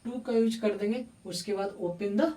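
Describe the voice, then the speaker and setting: A woman's voice: mid-range voice, a little slow, mellow. Teacher woman in an echoey room. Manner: asks the class questions and answers them herself, with frequent check-ins. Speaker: English grammar teacher. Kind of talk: classroom grammar lesson. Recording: echoey room, voice from far off the mic.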